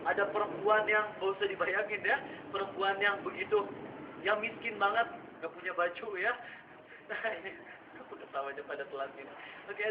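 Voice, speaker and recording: High-voiced man preaching in an echoey room. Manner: storytelling, acts out voices in the tale. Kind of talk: sermon to students. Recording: echoey room heard from far off, dull and noisy.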